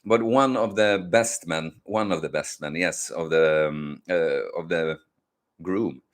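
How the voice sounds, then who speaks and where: A man hosting a casual, rambling livestream, sounding hungover, sleepy and low on energy as he talks haltingly. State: hungover and tired. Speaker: livestream host.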